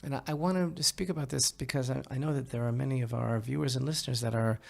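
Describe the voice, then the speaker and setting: His medium-pitched voice is creaky as he delivers opinion commentary in a conversational podcast. He stops and starts emphatically, repeats himself, and often turns to the listener.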